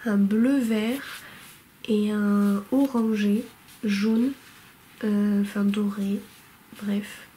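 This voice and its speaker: A woman's voice: mid-range voice, steady tone, very slow, pauses often, dark tone, slight background noise, rough recording. A woman showing her newest yarns in a casual vlog, chatty and hesitant, full of fillers and restarts, at home by a window. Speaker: knitting vlogger showing yarn purchases. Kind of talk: casual show-and-tell vlog. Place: home room lit by a window.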